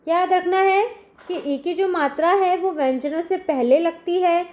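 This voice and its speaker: A woman's voice: very high-pitched, moderate pace, darkish tone. A woman teacher giving a primary school lesson to children, speaking patiently and spelling out sounds one by one. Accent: Indian Hindi. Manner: often says "dekho", addressing children.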